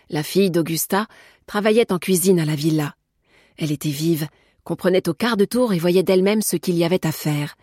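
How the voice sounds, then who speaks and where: A woman narrating a novel in a measured, even storytelling manner. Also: fairly low pitch, husky, no echo, clean studio sound. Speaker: audiobook narrator. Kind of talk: scripted narration.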